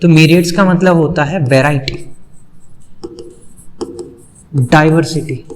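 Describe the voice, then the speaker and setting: A man's voice: fairly high pitch, slow pace, darkish tone, in a large hall. A man teaching a biology lecture for exam students, asking rhetorical questions and repeating the answers.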